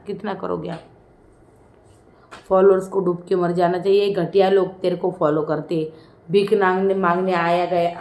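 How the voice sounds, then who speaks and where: A woman's voice: lowish voice, creaky, darkish tone. A woman giving a casual video review of a reality show, chatty, with frequent humming fillers and dramatic scolding asides. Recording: roomy echo.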